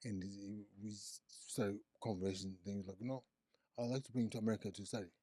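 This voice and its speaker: A man's voice: fairly low pitch, fairly even intonation, fast, mellow, no room sound, studio quality. A man in his forties from Zimbabwe, speaking as a guest telling his life story in a casual interview, often repeating words and restarting. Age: 40s. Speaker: guest, psychiatric nurse practitioner.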